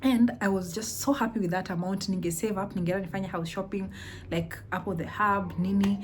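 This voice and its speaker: A young Kenyan woman vlogging about running a business, telling stories in a lively way and mixing in Swahili phrases. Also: mid-range voice, a little fast, slight background noise. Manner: animated, mixes Swahili into English, laughs often. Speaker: vlogger, entrepreneur. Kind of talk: casual storytelling vlog.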